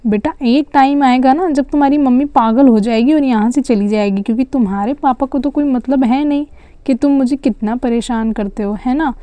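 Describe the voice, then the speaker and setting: This is a fed-up mother doll from a homemade doll story, voiced by a woman. She scolds and complains in a high, clean, mellow voice. The recording is close and dry. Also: normal speed, no echo, natural voice. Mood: scolding. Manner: nagging, scolding, then weary. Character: scolding tired mother doll, stressed and loud. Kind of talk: doll story play-acting.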